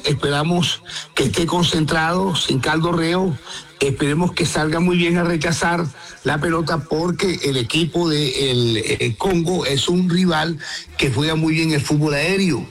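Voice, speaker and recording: A man reports on football for the radio in a gravelly, fry-edged voice pitched a little high for a man. He talks emphatically and with strong opinions, speaking straight to his listeners. Soft music plays faintly behind him. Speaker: radio sports correspondent.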